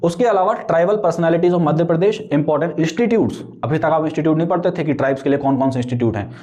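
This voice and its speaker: A man's voice: on the high side, fast talker, warm tone. A young man giving casual, explanatory advice on exam preparation, talking conversationally and checking in with frequent tag questions. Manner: conversational, frequent tag questions, mixes English terms into Hindi. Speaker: exam coaching vlogger.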